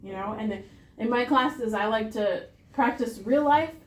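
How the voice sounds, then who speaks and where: A woman's voice: on the high side, a little slow, a little hiss or hum. A woman teaching a hands-on CPR class, patient and practical, encouraging her students. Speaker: CPR instructor. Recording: roomy classroom sound.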